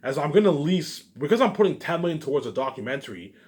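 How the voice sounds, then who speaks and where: A man with a fairly high-pitched, slightly mellow voice speaks fast and very animatedly in a rambling, informal monologue about his personal plans. He restarts phrases, repeats himself and punctuates his talk with emphatic tag words.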